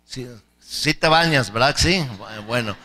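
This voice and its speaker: A man's voice: medium pitch, lively intonation, measured pace, bright, forceful tone, in a large hall. A male pastor preaching a sermon with fervor. He repeats key phrases and leads the congregation in prayer.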